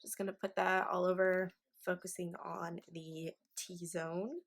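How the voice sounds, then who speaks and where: A woman in her twenties gives a casual makeup tutorial while tipsy. Her voice sits on the low side with plenty of vocal fry, and her talk is informal and slangy, as if chatting to viewers. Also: little pitch movement, slow pace. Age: 20s. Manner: informal, sweary, effusive slang. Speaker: beauty vlogger.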